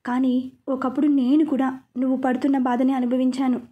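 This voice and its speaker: A woman's voice: high voice, little pitch movement, fairly quick, husky, highs cut off. A woman voicing a stern but caring young husband in a storybook reading, scolding and consoling by turns. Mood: gentle. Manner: scolding, then gently consoling.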